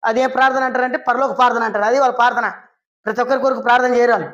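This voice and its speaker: A woman preacher giving a storytelling sermon, lively and full of questions she answers herself. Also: a little high, racing, dull audio. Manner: lively, asks and answers her own questions; acts out quoted people in short voices.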